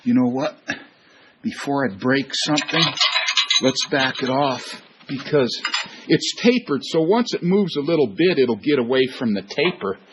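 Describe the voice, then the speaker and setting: A practical, plain-spoken man talks through a tricky repair. The sound is dull and lo-fi, with clear noise from the shop behind him. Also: medium pitch, animated, unhurried. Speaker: co-worker in the shop. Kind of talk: casual shop talk. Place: workshop.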